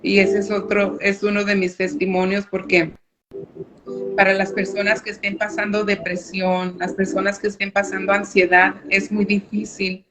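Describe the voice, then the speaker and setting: A woman's voice: mid-range voice, flat delivery, normal speed. A woman giving a personal faith testimony as a radio guest, hesitant and with frequent filler words. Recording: muffled radio recording with background noise.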